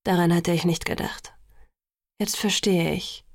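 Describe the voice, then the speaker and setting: An earnest, serious young male vampire from an audiobook, read by a woman in nearly her own voice. Her tone has a gravelly creak and sounds dry and close to the mic. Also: lowish voice, steady tone, a little slow, dry recording. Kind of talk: audiobook reading.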